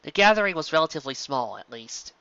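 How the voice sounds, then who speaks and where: An animated audiobook narrator reads a story in a bright, forceful, mid-range voice with a very lively range. He talks fast, with a creaky but clear and resonant tone. The recording is close, dry, and slightly muffled.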